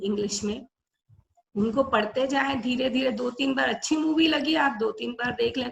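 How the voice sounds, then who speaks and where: A woman's voice: a little high, vocal fry, a little hiss or hum, poor audio. An older woman from India giving a webinar lecture, explaining patiently and switching between Hindi and English. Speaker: webinar speaker.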